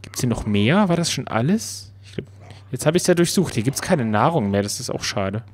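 Male Let's Play commentator, playful and chatty, mid-pitched voice. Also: normal speed. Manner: playful, excitable, talks to the game. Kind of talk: casual gameplay commentary.

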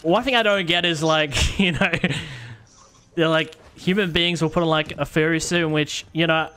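A man's voice: a little high, fairly even intonation, moderate pace, bright, forceful tone, a little hiss or hum. Chatty joking gaming streamer man. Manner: chatty, joking, stumbles and restarts. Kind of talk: casual gaming chat with teammates.

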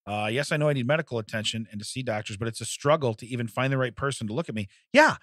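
A man co-hosts a comedic podcast in a studio, racing along in a medium-pitched, slightly bright voice as he reads out news stories, rambling and laughing often. The studio microphone gives dry sound with no echo.

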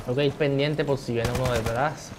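Male gamer, mid-pitched, casual running commentary over loud gunfire. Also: steady tone, a little fast, heavy background noise. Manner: chatty, thinks aloud, shouts when surprised. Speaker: gameplay streamer. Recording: game gunfire behind voice.

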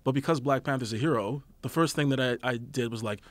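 A man's voice: medium pitch, dry recording. A man from Canada, an actor, talking casually in a studio interview and demonstrating character voices as he explains his craft. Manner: fast, animated, demonstrates voices while explaining. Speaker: actor and voice actor guest.

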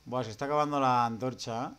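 A man's voice: medium pitch, fairly even intonation, fast, fairly bright tone, smooth. Scared horror game streamer, man from Spain. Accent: Spanish from Spain. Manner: scared, jumpy, muttering nervous reactions and exclamations. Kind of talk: casual gameplay commentary. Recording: game music behind the voice. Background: video game music.

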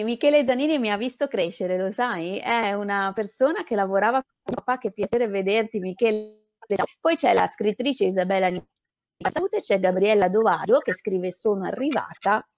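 A woman hosting a reading show, chatting and laughing casually with a co-host and greeting viewers. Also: mid-range voice. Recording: dull lo-fi audio.

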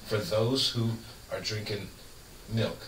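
A man's voice: on the low side, takes it slowly, far from the mic. A middle-aged man hosting a radio show, talking about faith in a folksy, emphatic, preachy way and laughing often. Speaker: radio host. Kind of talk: casual faith talk. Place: radio studio. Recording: roomy studio, off-mic, faint hiss.

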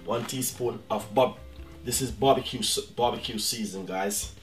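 A man's voice: lowish voice, normal speed. Jamaican man, middle-aged, home-cooking host, easygoing chatty delivery, music bed underneath. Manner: chatty, repeats "guys" and "you know what I mean". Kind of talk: casual cooking demonstration.

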